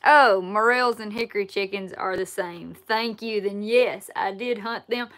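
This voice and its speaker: A woman in her twenties with a Southern Alabama accent chats easily on a livestream, answering viewers in a folksy way from a wood-paneled room. She's an outdoors YouTuber with a mid-range, unhurried voice, picked up by a laptop or phone camera held at arm's length.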